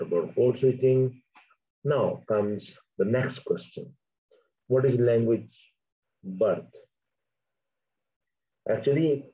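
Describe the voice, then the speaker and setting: A male lecturer whose first language is Urdu reads out academic notes and then breaks into plain explanations. His voice is low, husky and mellow. The recording sounds dull and lo-fi. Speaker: linguistics lecturer.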